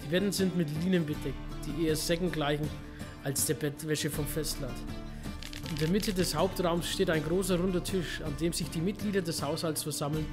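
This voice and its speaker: A man hosting a game playthrough, reading in-game books aloud with small slips he corrects. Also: on the high side. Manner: reads narration steadily, with small slips and self-corrections. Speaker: let's play host.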